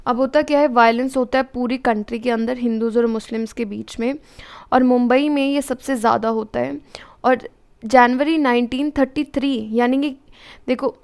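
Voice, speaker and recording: A woman's voice: on the high side, steady tone, moderate pace, a little mellow, smooth. A young adult woman with an Indian accent giving a classroom lecture, explaining step by step and checking in with her students as she goes. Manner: explains step by step, mixing English phrases, frequent "ठीक है" check-ins. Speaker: teacher.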